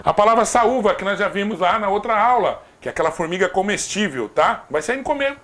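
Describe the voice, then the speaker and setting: A Brazilian man with a fairly high, very animated voice teaches a grammar class. He keeps checking in with short tag questions and slips in playful asides. His delivery swings up and down as he stresses each example. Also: a little fast. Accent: Brazilian Portuguese. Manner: lively, repeats "tá?" to check understanding, jokes aside. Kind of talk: recorded exam-prep grammar lesson.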